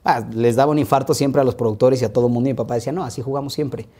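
A man in his thirties from Mexico with a Mexican Spanish accent, telling childhood stories as an interview guest in quick, lively anecdotes full of asides. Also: mid-range voice. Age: 30s. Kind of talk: relaxed interview storytelling.

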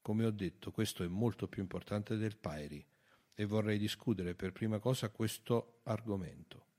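A man narrating a novel as an audiobook, measured, raising his voice for the dialogue. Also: fairly low pitch, darkish tone.

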